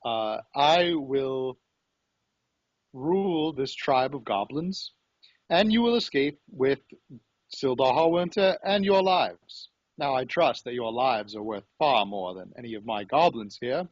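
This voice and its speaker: A man's voice: mid-range voice, animated, no echo. Pompous goblin chief for a tabletop game, male, scheming, voiced by a man, formal courtly phrasing, dull lo-fi podcast sound. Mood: amused. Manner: formal, drawn-out courtly speech. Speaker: dungeon master.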